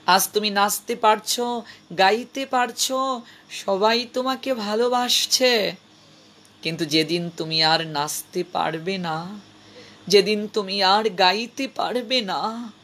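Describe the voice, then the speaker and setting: A man playing a kind old holy man who speaks softly and tenderly, in a gentle, admonishing way. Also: sits high, voice pushed up, heavily acted. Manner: soft, tender, calls her mother.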